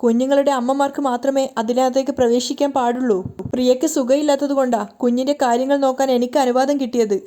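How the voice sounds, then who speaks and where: A woman reading a firm, sharp-tongued young woman. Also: high-pitched, flat delivery, quick pace, close to an everyday voice.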